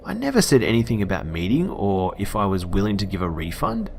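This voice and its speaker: A man's voice: on the low side, huge pitch swings, fairly quick, creaky, a little hiss or hum, heavily acted. A man voicing a panicked young woman who swears and raises her voice at an intruder. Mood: indignant. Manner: frantic, swearing, raising voice.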